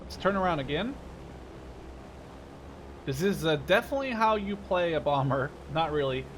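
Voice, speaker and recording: A Canadian man in his twenties hosts a gaming video, offering casual, joking, slangy live commentary and poking fun at himself. His fairly high voice is expressive and moves at a normal speed. The background is noisy with game vehicle sounds.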